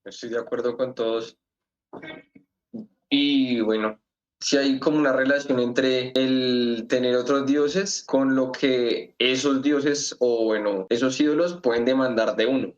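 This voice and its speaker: Measured man, muffled lo-fi sound. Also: medium pitch, steady tone. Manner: measured, with "¿sí?" tags. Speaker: study group participant. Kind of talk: casual Bible study discussion.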